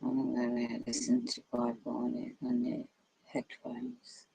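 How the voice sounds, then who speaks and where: A tired, sleep-deprived streamer chatting casually on a live stream, rambling and halting as they mumble along. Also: medium pitch, sing-song, vocal fry, warm tone, husky, no room sound, poor audio.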